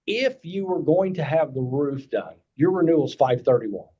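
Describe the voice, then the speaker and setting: A man's voice: on the high side, animated, moderate pace, husky. A man with a Kentucky accent explaining things at a meeting in a folksy way, repeating points and checking that listeners follow. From Kentucky, United States. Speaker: insurance agent presenting to committee. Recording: dull lo-fi meeting audio.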